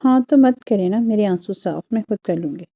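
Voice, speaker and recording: A woman's voice: mid-range voice, expressive, fairly quick, highs cut off. A woman voicing a feisty young newlywed wife who answers back in playful bickering. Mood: sassy.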